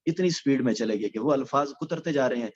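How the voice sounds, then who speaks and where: A man's voice: mid-range voice, muffled recording. A male recitation teacher giving a recorded lecture, explaining step by step with frequent hesitation sounds.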